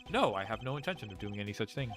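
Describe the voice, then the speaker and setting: A man voicing a composed male prosecutor from a game, reading in a measured, formal way. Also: lowish voice, sing-song, fairly bright tone, soft background music, voice pushed down. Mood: grave.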